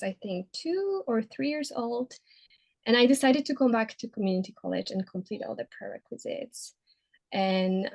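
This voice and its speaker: A woman in her thirties from Poland with a Polish accent, telling her story as an interview guest with many pauses and fillers. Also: medium pitch. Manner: hesitant, many fillers and restarts. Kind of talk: casual interview.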